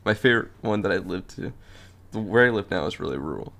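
A man's voice: lively intonation, fast, a bit bright. A seventeen-year-old boy from North Carolina, chatting on a podcast in a laid-back, joking way. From North Carolina, USA. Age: teens. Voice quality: deep, gravelly voice. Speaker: podcast guest. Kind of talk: casual chat.

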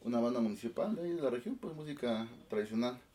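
A man in his twenties from Oaxaca with a Mexican Spanish accent, chatting relaxed and laughing in an interview about his music. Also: medium pitch, fast talker, recorded from a distance, a little hiss or hum. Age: 20s. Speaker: guest musician, band director. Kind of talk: casual interview chat.

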